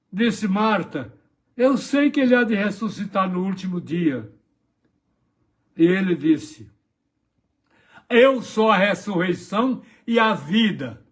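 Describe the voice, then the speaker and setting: A man preaching a morning devotional sermon as a pastor, retelling gospel scenes dramatically and acting out the voices in them. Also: high-pitched.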